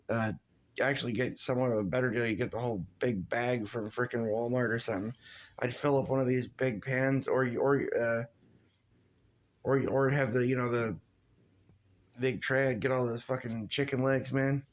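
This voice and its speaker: A vlogger with a medium-pitched, steady voice rants casually to camera at normal speed, swearing constantly and rambling with restarts and fillers, sounding loose and frustrated.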